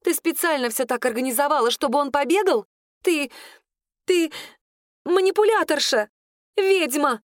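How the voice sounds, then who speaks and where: A woman's voice: lively intonation, normal speed, long pauses, no echo, clean studio sound. A woman reading an audiobook, voicing a jealous, accusing young serving girl. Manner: accusing, shrill and tearful. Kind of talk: audiobook character voice.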